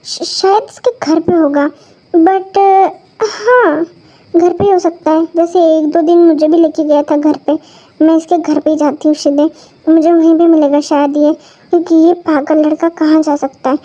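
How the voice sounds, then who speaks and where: A woman's voice: high voice, fairly even intonation, moderate pace, mellow, natural voice. A woman voicing a bossy young woman who scolds and grows exasperated. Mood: worried. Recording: dull lo-fi recording.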